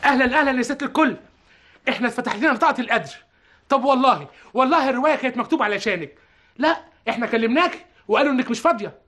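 An actor playing an excitable, jokey man in a theater company, speaking with an Egyptian accent. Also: very high voice, very fast, exaggerated voice. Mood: flattering. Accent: Egyptian Arabic. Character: restless joking man in a theater office. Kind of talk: TV drama acting.

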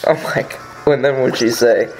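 A man's voice: mid-range voice, fairly even intonation, normal speed, vocal fry, over music, poor audio. A man playing a party video game with a friend, chatting casually and trading sarcastic jokes. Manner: joking, sarcastic, rambling. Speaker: gameplay commentator. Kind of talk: casual gameplay banter.

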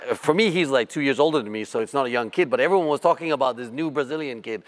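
A man in his fifties interviewing a guest in a relaxed, conversational way, often repeating words as he thinks. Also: medium pitch, rapid-fire. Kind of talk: interview questions.

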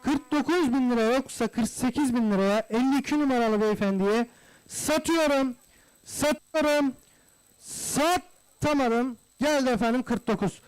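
This is a male livestock auctioneer chanting bids live, repeating phrases and speaking to guests politely and formally. He has a very high, smooth voice and takes his time, and the recording is low quality.

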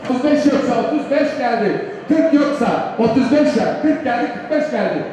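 A male auctioneer calls live bids in a very high-pitched voice, chanting rising numbers over and over. He is far from the mic in a big reverberant hall, with clear noise behind him. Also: lively intonation, moderate pace. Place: large reverberant indoor public space. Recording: echoey hall, distant mic, noisy background.

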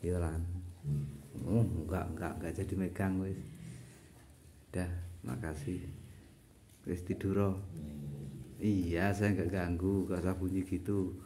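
A man's voice: low voice, steady tone, warm tone, a little hiss or hum. A man talking casually to his pet, coaxing it to sleep. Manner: slow, soothing, coaxing an animal to sleep. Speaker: pet vlogger.

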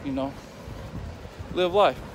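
A young man walks through town, filming himself on a phone at arm's length, his voice sitting a little high for a man. He talks in a relaxed, thankful, easygoing way. Street noise and traffic hum loudly behind him. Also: takes it slowly. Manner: relaxed, grateful, talks while walking outdoors. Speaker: football player vlogger. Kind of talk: casual walking vlog. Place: outdoor city streets and square. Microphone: phone camera held at arm's length.

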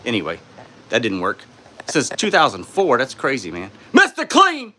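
Male streamer, sore throat, tired and laid-back, mid-pitched, phone mic in a home studio. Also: big pitch swings, moderate pace, bright, forceful tone, husky. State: sore throat, speaking softly. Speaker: YouTuber hosting a live stream. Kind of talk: casual live-stream chat, reading out and answering viewer comments. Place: indoors in his home studio.

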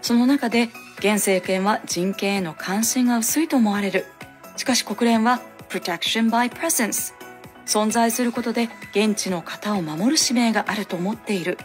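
A woman hosting a language lesson, giving clear, instructive scripted explanations on a studio microphone. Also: mid-range voice, normal speed, soft background music.

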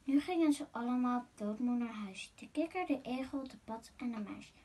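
A woman reading a rhyming children's picture book aloud as a masked guest reader, in a gentle, sing-song way. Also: fairly high pitch, expressive, normal speed, slight background noise.

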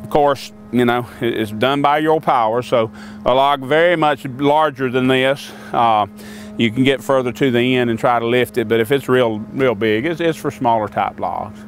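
A man's voice: medium pitch, normal speed, slight background noise. An older man casually demonstrating sawmill tools outdoors, talking in a folksy, rambling way with many fillers. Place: outdoors by a sawmill and in a wooded lot.

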